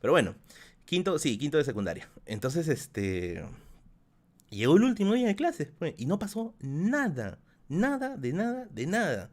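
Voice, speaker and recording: His voice is a little high and somewhat dark, moving at normal speed with huge pitch swings. The thirty-something host, who has a Peruvian accent, rambles through a story to his stream's chat, laughing frequently and circling back to the same phrases.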